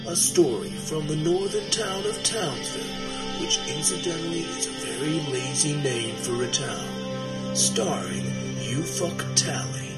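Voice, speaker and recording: A man voicing an over-the-top male movie-trailer announcer in a parody trailer, with a grandiose, mock-epic delivery. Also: fairly high pitch. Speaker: trailer narrator. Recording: distant voice under loud music.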